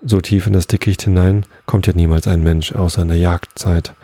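Man reading as solemn old elk, dark, husky, close and dry. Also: low voice, fairly even intonation, moderate pace, dry recording. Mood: grave. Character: old solemn male elk elders, worried.

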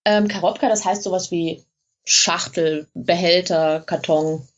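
A woman's voice: lowish voice, fairly even intonation, unhurried. Woman blogger talking casually, lots of umms, bit muffled audio. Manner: many hesitations, chatty explanations. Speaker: blogger in Russia, guest. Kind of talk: casual interview.

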